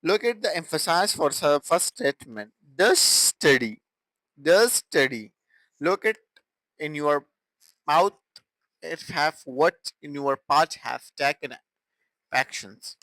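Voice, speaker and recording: A young man teaching an English grammar lesson, explaining slowly and deliberately and repeating example sentences. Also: a little high, a bit bright, no room sound, low-quality recording.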